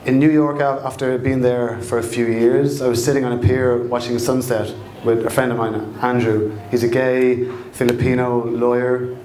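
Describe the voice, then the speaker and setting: A middle-aged Irish man tells a personal story as if by the fireside. His pitch stays very even, and he speaks in a halting, reflective way, feeling for his words. The room around him is noticeably echoey. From Dublin, Ireland. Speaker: storyteller at a live storytelling night. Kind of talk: fireside storytelling, personal anecdote told live. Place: indoor live storytelling event, echoey room.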